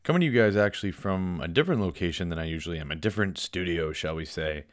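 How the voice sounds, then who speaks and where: A man in his twenties from Ontario, Canada, with a Canadian accent, hosts a casual solo sports podcast from his home basement den, chatty, informal and playfully self-deprecating. His low voice is animated and fast, in a dry, studio-quality recording.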